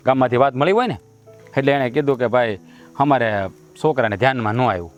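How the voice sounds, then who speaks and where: An actor playing a blunt young village farmer, the son of the house, speaking in a brisk, complaining way. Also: male voice, mid-range voice, faint music behind, lightly acted. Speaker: son in family drama. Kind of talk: Gujarati village drama dialogue.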